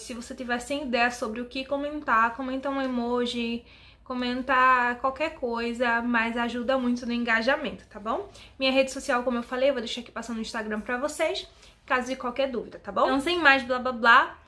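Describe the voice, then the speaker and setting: A woman's voice: fairly high pitch, steady tone, brisk, sharp tone. A woman hosting her own channel, telling a true-crime case in a casual, chatty way and checking in with viewers often. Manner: chatty, addresses viewers directly with frequent "tá?" and "né?". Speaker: YouTube channel host.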